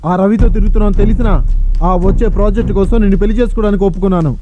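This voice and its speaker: A man's voice: sits high, steady tone, rapid-fire, dark tone, close to an everyday voice. An actor playing a scheming young man who sneers and accuses. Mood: sneering. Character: scheming young man, the heroine's rival suitor. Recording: dull film audio with music. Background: music.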